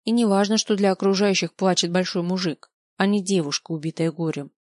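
A woman's voice: fairly low pitch, steady tone, a little fast, darkish tone, no room sound, studio quality. A woman narrating an audiobook in the first person, with an emotional, dramatic delivery.

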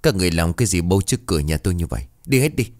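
A man's voice: low-pitched, animated, rapid-fire, darkish tone, no echo, studio quality. A man voicing a drunk, callous husband who talks in a rude, dismissive snarl in a storybook tale. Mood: scornful.

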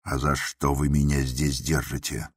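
A man voicing a furious, paranoid male patient in an asylum, shouting bitter accusations in an audiobook. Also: very deep voice, little pitch movement, a little slow, breathy edge, dry recording, clean studio sound, heavily acted. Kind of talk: audiobook character voice.

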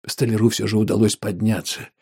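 A man narrating an audiobook in a measured, grave way. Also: lowish voice, level tone, gravelly, warm tone, husky.

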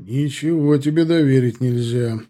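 A man doing a gruff, sardonic hospital doctor. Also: mid-range voice, moderate pace, dark tone, close to an everyday voice. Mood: brisk. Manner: barking, teasing, brusque.

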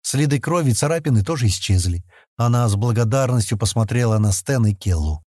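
Mellow, expressive male audiobook narrator. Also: mid-range voice, fast talker, dry recording, studio quality. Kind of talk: scripted narration.

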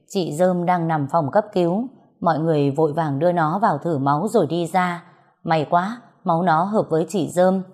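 A woman's voice: on the low side, darkish tone. A woman reading a story aloud as scripted narration, voicing all the dialogue in her own voice.

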